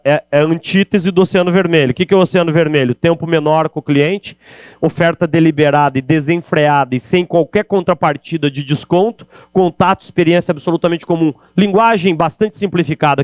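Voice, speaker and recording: Palestrante brasileiro animado, voz seca com zumbido. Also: male voice, medium pitch, no room sound. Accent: Brazilian Portuguese. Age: middle-aged. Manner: animated, addresses audience directly with rhetorical questions. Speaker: keynote speaker on sales. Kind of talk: energetic business lecture. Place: event hall.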